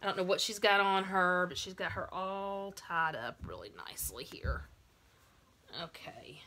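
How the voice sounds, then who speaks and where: Gushing woman, bright voice. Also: mid-range voice. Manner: gushing, coos over tiny items. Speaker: doll collector vlogger. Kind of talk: casual unboxing vlog. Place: at home with cat and child nearby.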